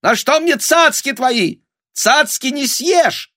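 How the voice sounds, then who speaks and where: A man voicing a brash, furious peasant woman in an audiobook, shrill and screeching. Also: lively intonation, takes it slowly, bright, forceful tone, no echo, clean studio sound, exaggerated voice. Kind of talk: audiobook character voice.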